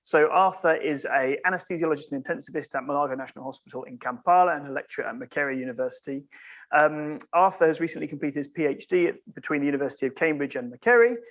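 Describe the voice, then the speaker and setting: A man moderating an online event, briskly introducing the next speaker over a video call. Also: on the high side, a bit bright.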